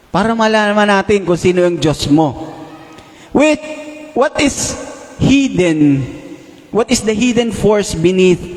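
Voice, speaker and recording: A male preacher giving a sermon, addressing his listeners as brothers and sisters and posing rhetorical questions. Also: high voice. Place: large worship hall. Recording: long reverb of a big hall.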